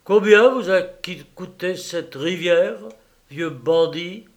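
A man voicing a cool, cunning gentleman thief who talks in a slow, sly drawl. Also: high voice, voice pushed up.

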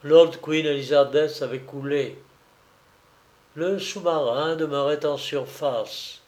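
A man reading an adventure novel aloud as narrator, in a slow, measured way. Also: on the high side, fairly even intonation, a little mellow.

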